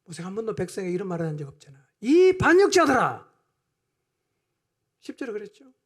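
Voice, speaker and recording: A man with a noticeably high voice preaches a Sunday sermon in a church. He swings from quiet, hushed asides to loud, impassioned emphasis, stretching key words for weight. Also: expressive, racing, breathy edge. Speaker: pastor.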